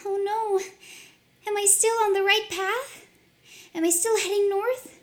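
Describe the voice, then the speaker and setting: A woman reading a storybook, voicing Maria, a curious and innocent young girl, in a high, excited voice. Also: slow. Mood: worried.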